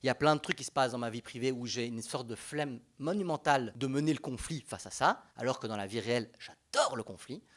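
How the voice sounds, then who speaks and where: Speaking fast with few pauses, a young man with a Belgian French accent addresses a public talk from the panel. His mid-range voice is animated and conversational, and he keeps restarting his sentences.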